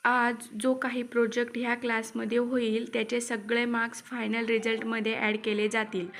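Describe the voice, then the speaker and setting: A woman's voice: a little high, flat delivery, normal speed, fairly bright tone. A woman voicing a strict teacher who lectures her class in a stern tone.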